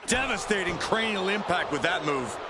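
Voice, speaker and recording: Game wrestling analyst, male, raised pitch, formal and analytical. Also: expressive, moderate pace, crowd noise, background noise. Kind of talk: scripted game commentary.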